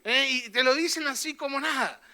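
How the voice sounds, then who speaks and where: A man's voice: extremely high pitch, normal speed, vocal fry, sharp tone. A man preaching a fervent church sermon as pastor, often tossing in questioning tags to his listeners.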